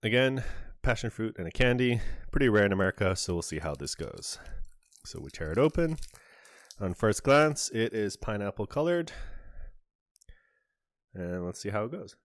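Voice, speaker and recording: A man's voice: lowish voice, very animated, moderate pace, pauses often, no room sound, clean studio sound. A man hosting a casual on-camera candy review, chatty and describing each flavor in detail with small asides. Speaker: candy reviewer, channel host.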